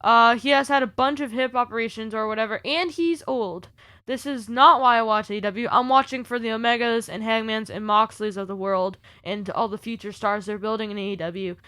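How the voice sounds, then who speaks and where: A woman with a fairly high voice recaps wrestling in casual chat, full of sarcastic, exasperated asides. The sound is dry and close, with no room echo. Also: fairly even intonation, fairly quick, few pauses, bright, forceful tone, clean tone. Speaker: podcast co-host.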